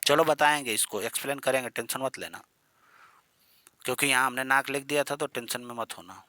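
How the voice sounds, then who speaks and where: A man's voice: mid-range voice, a little fast, sharp tone, no room sound. A man teaching an exam-prep grammar lesson in a chatty, coaxing way, calling his students "beta" and "yaar".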